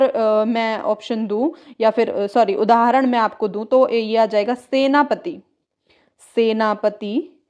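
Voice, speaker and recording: A woman teacher going through exam questions, explaining step by step and slowly repeating key words. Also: on the high side, a little mellow, muffled recording. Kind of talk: exam-prep grammar lesson.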